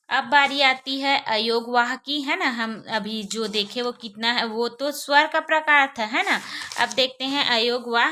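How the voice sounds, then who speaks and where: A woman's voice: on the high side, pushed and bright. A woman teaching a grammar lesson, asking the class questions and then answering them herself, often adding little checks for understanding and saying vowel sounds aloud as examples.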